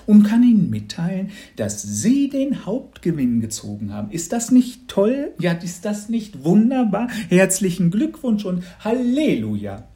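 A man voicing an effusive, theatrical neighbor woman in disguise, talking in a high, shrill, gushing way in a storybook reading. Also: wildly swooping pitch, unhurried, hardly any pauses, mellow, heavily acted.

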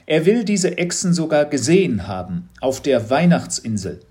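A man's voice: a little high, lively intonation, normal speed, a little mellow, pitched above the performer's own voice, close to an everyday voice. A man reading a story aloud, voicing a mysterious male teacher who asks leading questions in a raised voice. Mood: probing. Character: mysterious probing male teacher, knowing and sly. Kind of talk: audiobook storytelling.

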